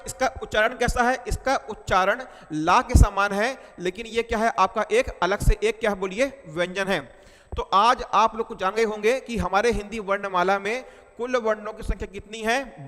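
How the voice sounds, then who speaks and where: A man with a high voice gives an exam-prep lecture, going over each point several times and quizzing the class with questions as he goes. His voice rings with a long reverb, as if in a big hall. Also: normal speed, fairly bright tone. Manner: repetitive, quizzing students with questions. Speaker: teacher.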